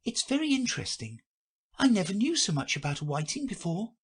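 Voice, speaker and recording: A man voicing a polite, curious young girl who speaks with a timid, wondering manner and a husky edge. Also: high-pitched, very animated, fairly quick, a bit bright, pitched above the performer's own voice, exaggerated voice.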